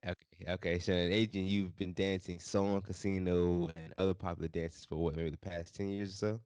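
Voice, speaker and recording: Deep-voiced laid-back interviewer, dry sound. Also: male voice, little pitch movement, normal speed, a little mellow, clear, resonant tone, dry recording. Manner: laid-back, calls people "man". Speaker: podcast host, interviewer. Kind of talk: casual interview. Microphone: video call.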